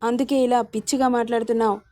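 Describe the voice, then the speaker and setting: A woman's voice: fairly high pitch, level tone, quick pace, dark tone, no room sound, natural voice. A woman voicing a domineering young husband who scolds and teases sarcastically. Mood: scolding.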